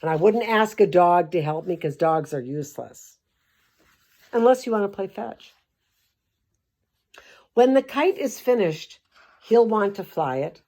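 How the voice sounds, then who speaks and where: A woman's voice: mid-range voice, lively intonation, a little slow, pauses often, dark tone. An older woman reading a children's book aloud and breaking off into sarcastic, rambling asides with mild swearing. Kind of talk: comic storybook commentary.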